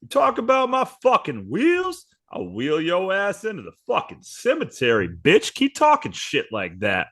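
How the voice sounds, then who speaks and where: A man's voice: high-pitched, wildly swooping pitch, fairly bright tone, full character voice. A man putting on a hot-headed Detroit street tough. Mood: belligerent. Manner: cocky, profane, quick to threaten. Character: brash, hot-tempered street guy from Detroit, adult man.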